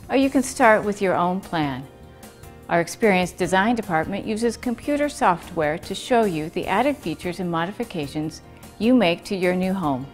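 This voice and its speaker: A woman delivers scripted infomercial narration in a slightly low voice. Faint music plays behind her as she presents the sales copy.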